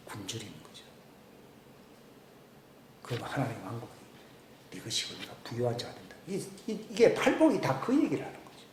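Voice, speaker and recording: An older preacher with a lilt delivers his sermon, rising to loud, pressing questions and then dropping to a hush. His voice carries a roomy church echo, with a faint hiss underneath. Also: mid-range voice. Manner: swings between loud emphatic questions and hushed near-whispers. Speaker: pastor. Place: church sanctuary. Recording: echoey church room with faint background hiss.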